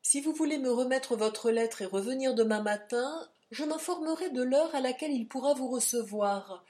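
Storybook servant, courteous and formal, lifted pitch; woman voicing. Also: normal speed, a little mellow, lightly acted. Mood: polite. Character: polite male house servant at the door.

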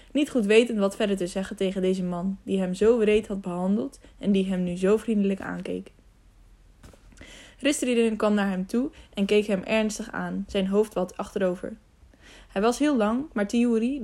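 A woman narrating a children's adventure audiobook in a calm, even way, with the odd slip. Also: mid-range voice. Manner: calm, even storytelling with small slips.

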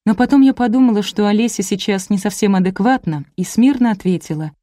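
A woman narrating a first-person audiobook in a wry, lively storytelling manner. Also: medium pitch, fast talker, no echo, clean studio sound.

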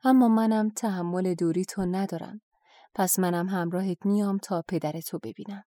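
A woman voicing a calm, confident young wife who speaks with quiet assurance. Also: mid-range voice, no room sound, studio quality, close to an everyday voice. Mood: tender.

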